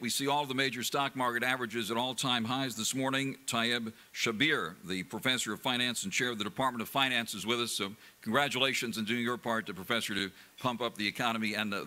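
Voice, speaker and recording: A man emceeing an event, reading formal introductions in a measured, scripted way. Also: medium pitch, bright, forceful tone, slight background noise. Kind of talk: scripted announcing.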